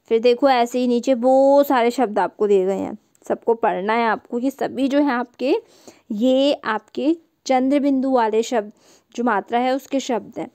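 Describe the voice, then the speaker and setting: A woman's voice: a little high, normal speed, dark tone, clear, resonant tone. A woman teacher giving a Hindi lesson to small children, patiently repeating words and sounding out syllables.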